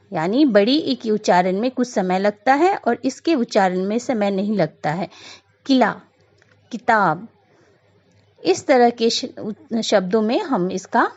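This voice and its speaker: Slow, patient woman teaching grammar. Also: on the high side, darkish tone. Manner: patient, repeats points, frequent "a" fillers. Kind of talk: slow explanatory lesson. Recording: dull lo-fi recording.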